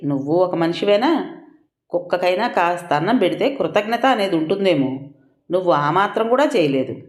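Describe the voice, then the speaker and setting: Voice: mid-range voice, close to an everyday voice. A narrator voicing an enraged middle-aged uncle who berates and threatens his nephew in a harsh, insulting way, recorded with a roomy echo.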